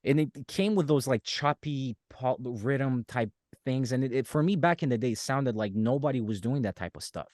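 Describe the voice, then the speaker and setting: A man's voice: mid-range voice, normal speed, few pauses, dry recording, clean studio sound. A man from Romania, a podcast guest and musician, chatting casually and telling stories with acted-out quotes. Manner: animated storyteller, acts out quotes. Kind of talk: casual chat.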